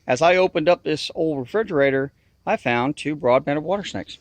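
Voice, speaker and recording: A man with a slightly high voice speaks expressively and fairly quickly, chatting to the camera outdoors in the river bottoms. He makes outdoor videos and talks in a folksy Southern US drawl with a nasal twang.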